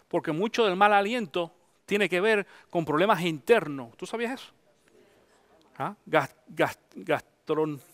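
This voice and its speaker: Man, middle-aged pastor, high voice, conversational sermon, dry close sound. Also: a bit bright, dry recording. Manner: conversational preaching, mixes English phrases into Spanish.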